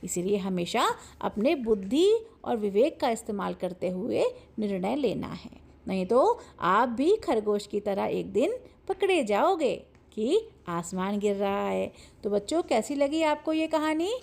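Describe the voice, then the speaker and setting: A woman teacher telling a story to children in a lively, animated way, retelling each part twice. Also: mid-range voice, unhurried, vocal fry.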